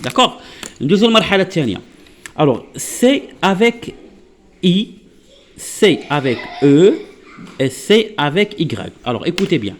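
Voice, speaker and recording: A man with a Moroccan Arabic accent teaching French pronunciation. He explains patiently, often checks that listeners follow, and says example words slowly. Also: fairly high pitch, sing-song, slight background noise. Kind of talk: classroom-style lesson explanation.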